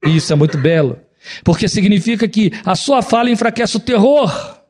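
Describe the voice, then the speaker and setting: A middle-aged man, preaching a sermon as pastor, swinging between raised exclamations and low, solemn passages. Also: lively intonation, normal speed, darkish tone.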